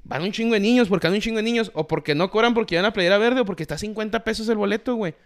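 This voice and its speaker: A man's voice: sits high, very fast. A man with a Mexican accent arguing his point in a casual soccer chat, insistent and slangy. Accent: Mexican Spanish. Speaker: podcast co-host.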